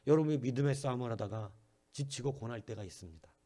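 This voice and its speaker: Male pastor, sermon delivery, mellow husky tone, talks with the congregation, shifts from whispers to loud bursts. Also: mid-range voice, quick pace. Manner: conversational preaching, often asking the congregation questions; acts out quoted voices, from soft whispers to sudden loud bursts.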